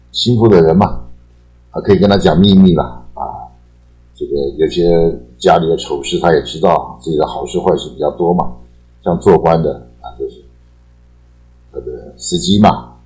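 A man giving a casual, chatty English vocabulary lesson. He repeats key words and ends his phrases with a drawn-out particle. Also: sits low, darkish tone, poor audio. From Taiwan. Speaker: English teacher. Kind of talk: casual explanatory lecture.

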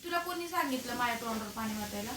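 एक बाई कुटुंबाच्या व्हिडिओत नवऱ्याला चिडून रागावते आणि मुलीची बाजू घेते, Marathi लहेजा. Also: female voice, a little high, animated, very fast, a bit bright. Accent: Marathi. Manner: scolding, indignant. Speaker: mother in a family video. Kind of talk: casual family banter.

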